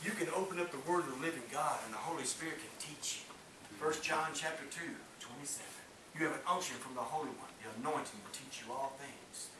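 Calling for amens from a small congregation, a middle-aged man with a slightly high voice preaches fervently, his delivery rising and falling in a Pentecostal-style sermon. A distant camera, no microphone in view, recorded the echoey church hall with a faint hiss.

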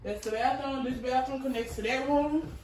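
A woman's voice: high voice, steady tone, moderate pace, distant mic. A young woman giving a casual house tour to viewers, chatty and often repeating her phrases, recorded on a handheld phone while walking indoors. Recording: roomy, noisy, voice off from mic.

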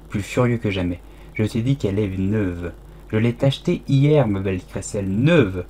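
A man's voice: lowish voice, a little hiss or hum. Man reading a storybook aloud. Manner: reads dialogue with raised, louder quotes. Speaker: audiobook reader. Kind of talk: storybook narration.

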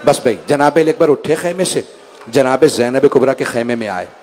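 A man's voice: medium pitch, expressive, normal speed, a little mellow, a little hiss or hum. A man delivering a mournful sermon recitation, emotional and grieving, speaking directly to his listeners.

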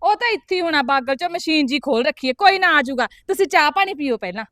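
A woman's voice: high-pitched, animated, fast talker, a bit bright, dry recording, studio quality. An actress playing a sly, chatty young married village daughter who coaxes her family with offers of tea, speaking with a Punjabi accent. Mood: coaxing. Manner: fussy, coaxing, endlessly offering tea. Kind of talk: village comedy film acting.

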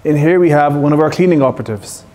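A man in his thirties with an Irish accent, a facilities manager leading visitors around indoors in a brisk, friendly way. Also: a little high, darkish tone. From Ireland. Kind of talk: guided tour talk. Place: indoor centre halls.

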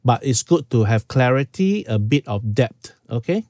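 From a small room at home, a Singaporean man in his fifties casually demonstrates audio settings over screen share, step by step, with plenty of "okay"s. His medium-pitched voice is expressive and darkish, at a moderate pace, with clean studio sound and no echo.

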